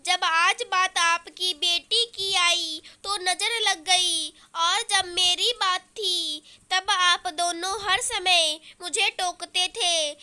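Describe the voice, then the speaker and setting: A woman's voice: extremely high pitch, pushed and bright, heavily acted. A woman voicing a hurt young daughter-in-law. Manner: pleading then pointedly sarcastic.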